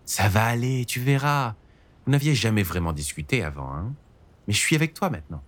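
A man's voice: fairly low pitch, lively intonation, a little fast, big-room sound, pitched above the performer's own voice, natural voice. A man voicing a young, crude, teasing nun with casual slangy talk in an audiobook story. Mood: reassuring.

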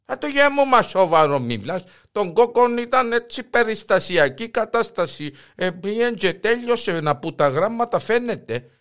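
A man playing a flustered squeaky old wife. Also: very animated, fairly bright tone. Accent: Cypriot Greek. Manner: squealing, stammering excuses.

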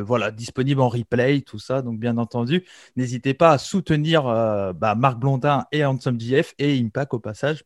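A man's voice: mid-range voice, no room sound, clean studio sound. A man in his thirties from France hosting a wrestling interview podcast, talking eagerly with many fillers and restarts. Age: 30s. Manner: hesitant, filler-heavy, eager. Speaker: podcast host, commentator.

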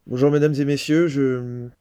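A man's voice: steady tone, slow pace, dark tone, clear, resonant tone. A man playing a hesitant, stammering male subway busker who keeps second-guessing himself. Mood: flustered. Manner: stammering, unsure, rising pitch.

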